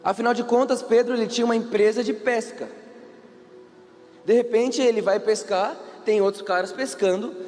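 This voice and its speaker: A man with a Brazilian Portuguese accent preaching a sermon in an animated way, acting out the people in the story and asking the audience questions. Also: extremely high pitch, moderate pace, big-room sound, faint music behind. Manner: animated, acts out quoted characters, asks the audience questions.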